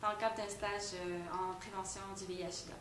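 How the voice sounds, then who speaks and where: A woman's voice: medium pitch, flat delivery, a little fast. Casual Canadian woman, roomy distant sound. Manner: casual, filler-heavy. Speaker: volunteer. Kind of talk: interview answers. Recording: echoey room, far from mic, noisy.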